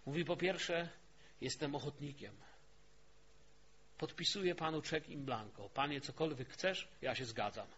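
Male preacher, fairly high voice, storytelling sermon with quiet-to-loud swings; dull lo-fi capture. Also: measured pace, pauses often, husky. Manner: storytelling, swings from hushed to emphatic. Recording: dull lo-fi recording.

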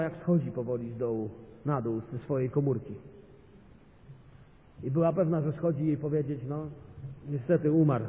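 A man delivers an impassioned sermon as a visiting pastor, his fairly high voice rising to loud, emphatic peaks. The sound is thin and phone-like, with a long reverb from a big hall. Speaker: guest pastor.

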